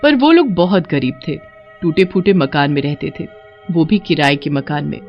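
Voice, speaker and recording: A woman's voice: sits low, lively intonation, moderate pace, muffled recording, soft background music. Woman narrating a cartoon horror story.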